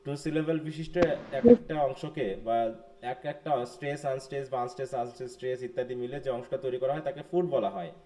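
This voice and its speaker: A man's voice: medium pitch, fast, dark tone. A man from Bangladesh teaching a live online class, questioning students and mixing English terms into his lecture.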